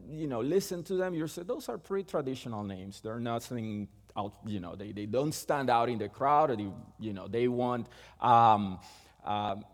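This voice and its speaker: A middle-aged Puerto Rican man, a native Spanish speaker with a Puerto Rican accent, preaches a sermon haltingly, restarting often. His voice is medium-pitched, and the recording has a big-room sound.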